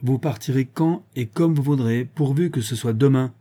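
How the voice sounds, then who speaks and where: A man's voice: medium pitch, normal speed, dark tone, pitched above the performer's own voice, natural voice. A man voicing a stern, angry elderly father who gives harsh, commanding orders and raises his voice.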